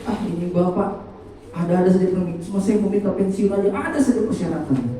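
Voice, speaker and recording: A man's voice: high-pitched, lively intonation, brisk, warm tone. A man voicing a weary, grudging aging architect within a sermon story. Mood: pleading. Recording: echoey church hall from far off.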